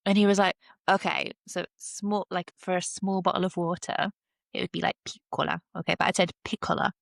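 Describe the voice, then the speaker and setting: A woman's voice: lowish voice, flat delivery, brisk, gravelly, dry recording. A woman co-hosting a podcast, telling stories in casual chat, swearing freely and using many fillers. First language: English. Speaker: podcast co-host.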